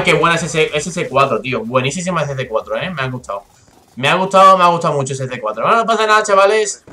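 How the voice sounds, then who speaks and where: A young man with a Spanish accent streams a shooter game live, talking straight to his viewers. His voice is fairly high and bright, with a forceful edge. He is excitable and swears freely. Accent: Spain Spanish. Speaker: gaming streamer. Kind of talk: live gameplay commentary.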